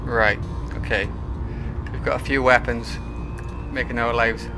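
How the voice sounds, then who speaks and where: A man's voice: fairly even intonation, unhurried. A man giving casual, understated game commentary, half talking to himself as he plays. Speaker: gamer, let's-play host. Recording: game music and engine rumble behind. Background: submarine game music and sounds.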